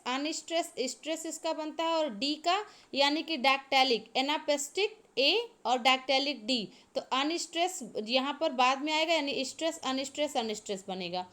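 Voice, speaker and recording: A woman's voice: sits high, normal speed, a bit bright. A woman teacher giving an exam-prep lecture, explaining each point step by step, repeating key terms and asking the class to answer.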